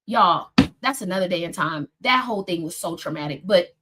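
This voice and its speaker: A woman therapist giving casual advice to her viewers, emphatic and direct, calling them "y'all" and jumping up in pitch when she drives a point home. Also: expressive, fairly quick, very noisy. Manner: emphatic, addresses listeners as "y'all", rises sharply when stressing points. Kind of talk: casual motivational talk.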